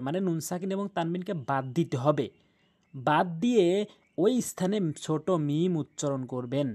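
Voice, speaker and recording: Dark-voiced man patiently teaching Quran recitation. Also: fairly high pitch. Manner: patient, repeats each rule and spells letters out slowly; drawls the recited Arabic words. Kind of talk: tajweed lesson over a screen drawing.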